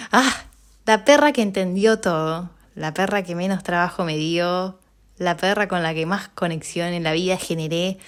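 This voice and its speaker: A woman with a Rioplatense Spanish accent hosts a podcast and tells a personal story in a lively way. Her voice sits at an ordinary middle pitch and leaps up when she gets excited. She laughs often and fills her talk with small hesitations. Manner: animated, laughing often, with frequent fillers and pitch jumps. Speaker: podcast host.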